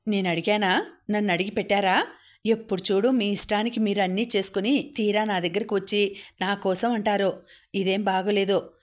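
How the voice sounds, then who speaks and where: A woman voicing a stubborn, resentful young adult son in a storybook reading, talking quickly and insistently. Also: medium pitch, fairly even intonation, close to an everyday voice.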